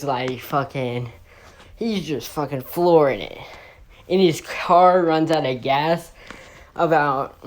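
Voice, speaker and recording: Brief: woman, deep voice, slow, profane casual storyteller. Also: darkish tone, a little hiss or hum. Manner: rambling, profane, with fillers and restarts.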